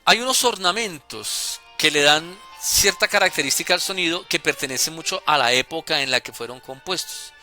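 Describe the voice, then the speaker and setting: A man calmly explaining music notation as a teacher, deliberate and with small hesitations. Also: a little high. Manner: deliberate, with hesitations and self-corrections.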